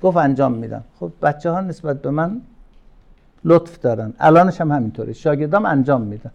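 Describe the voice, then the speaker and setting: An older man gives an informal religious lesson to his students, his voice sitting fairly high for a man. He tells stories from his own life, drops to a quiet aside, then drives a point home loudly, drawing certain words out slowly. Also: lively intonation, creaky, dull audio. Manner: warm storytelling with sudden loud emphatic lines; slows down and stretches key words. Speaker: religious teacher. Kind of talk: informal religious talk to a class.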